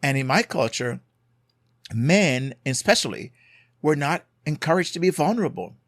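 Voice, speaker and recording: On his solo podcast, a Jamaican-accented man gives heartfelt marriage advice at a moderate pace, hammering home main points by repeating them and asking "right?". He sounds animated, with a slightly high, bit bright voice in a studio-quality recording that has no echo.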